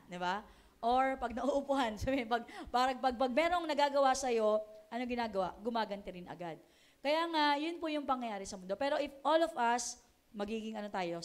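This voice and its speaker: Filipino woman pastor, slightly high voice, casual conversational preaching, mixes in English phrases. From Philippines. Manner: chatty, keeps asking the congregation "di ba?", laughs often. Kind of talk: conversational sermon.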